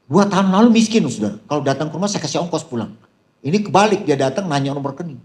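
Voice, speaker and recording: A man's voice: a little high, rapid-fire. A male pastor preaching, telling stories with humor, often laughing and calling out to the congregation, with a flavor. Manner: storytelling with humor, laughing, addressing "saudara"; animated, voice rising when excited. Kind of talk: sermon.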